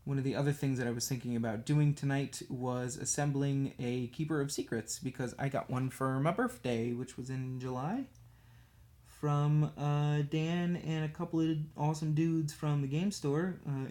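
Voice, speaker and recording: A man's voice: on the high side, steady tone, moderate pace, warm tone. A man casually chatting on a livestream while painting miniatures, rambling and self-deprecating as he works. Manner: talks absent-mindedly while working with a brush.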